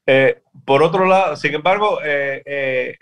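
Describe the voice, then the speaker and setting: A man's voice: fairly high pitch, measured pace, fairly bright tone. A man from Cuba with a Cuban Spanish accent, answering interview questions as a guest artist, hesitant with many fillers and restarts.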